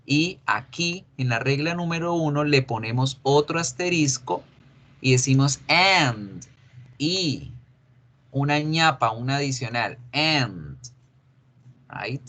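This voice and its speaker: A man teaching an English grammar lesson, explaining slowly and repeating each example. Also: medium pitch, expressive, fairly bright tone. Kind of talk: recorded online grammar lesson.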